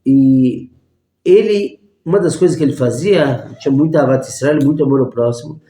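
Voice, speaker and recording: A man, a rabbi teaching a lesson through lively stories and acted-out voices. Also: mid-range voice, normal speed. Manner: animated storyteller acting out voices. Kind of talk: storytelling lesson. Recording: echoey room.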